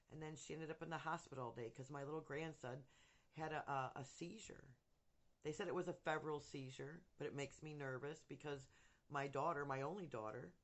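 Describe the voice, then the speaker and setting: A man's voice: mid-range voice, fairly bright tone. Casting: middle-aged male vlogger, slushy missing-teeth lisp, candid and emotionally open, casual rambling delivery. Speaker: content creator updating followers. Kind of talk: casual personal vlog monologue.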